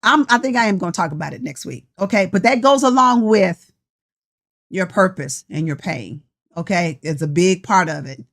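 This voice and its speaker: Talking straight to her live-stream audience, a woman in her sixties coaches them with a lowish, animated voice at a moderate pace. This life coach's motivational message is passionate and preachy, with an undertone of tiredness.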